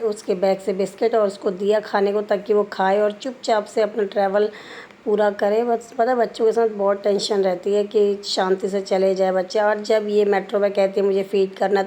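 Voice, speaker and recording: A woman's voice: mid-range voice, dark tone. A young woman chatting casually to her viewers in a family home, explaining everything as she goes. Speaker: vlogger. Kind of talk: casual vlog narration.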